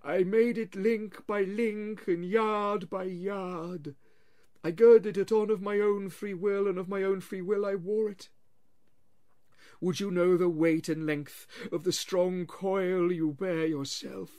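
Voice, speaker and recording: Jacob Marley, a wailing chained ghost. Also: male voice, high voice, steady tone, a little mellow, pitched above the performer's own voice. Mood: mournful. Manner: slow, wailing, drawn-out lament with anguished cries. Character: tormented old male ghost dragging chains. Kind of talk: audiobook reading.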